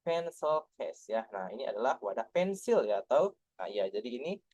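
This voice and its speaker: A young man tutoring young children through test answers, patient and coaxing, slowly spelling out letters. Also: mid-range voice, sing-song, a little mellow, no room sound. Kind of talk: online lesson reviewing test answers for young kids. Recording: dull, dry lo-fi sound.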